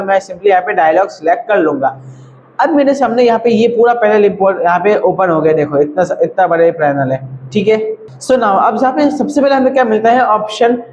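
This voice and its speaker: A man's voice: high-pitched, a little mellow, lo-fi sound, slight background noise. A man teaching audio editing in a casual screen-recorded tutorial, chatty and repetitive. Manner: chatty, repeats "thik hai" and "bhai".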